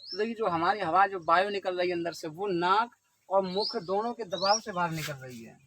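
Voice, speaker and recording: A man with a high voice teaches an exam-prep lesson, going step by step and often quizzing his viewers. Steady noise sits under his voice throughout the recording. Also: moderate pace.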